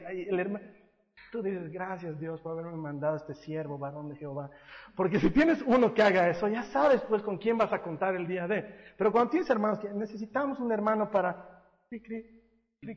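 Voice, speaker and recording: A man preaches in his thirties, his voice sitting fairly high as he tells funny, affectionate stories about his family. The sound is a little dull and muffled. A long reverb trails behind him, as in a large church hall. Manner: warm, humorous, expressive storytelling. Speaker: pastor. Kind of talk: sermon.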